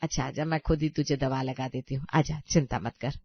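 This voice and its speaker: A stern, motherly older mother-in-law, put on by a woman in a cartoon story, her voice pushed noticeably lower than the other women. She scolds and soothes by turns, recorded dry and close with slightly muffled sound. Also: fairly even intonation, a little fast, dry recording. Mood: soothing. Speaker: voice actor. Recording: dry, slightly dull audio.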